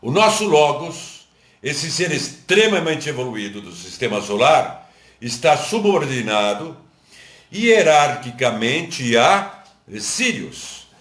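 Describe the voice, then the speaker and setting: Speaking slowly in a very animated, mid-range voice with a fairly bright tone, this man lectures live on esoteric subjects in a Brazilian Portuguese accent. He teaches didactically, step by step, going over points again and checking whether listeners follow, and the recording sounds roomy.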